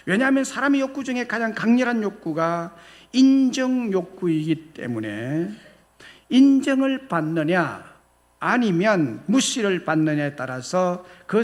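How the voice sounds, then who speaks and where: Man, pastor, preaching, animated, drawn-out emphasis. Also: high voice. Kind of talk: sermon.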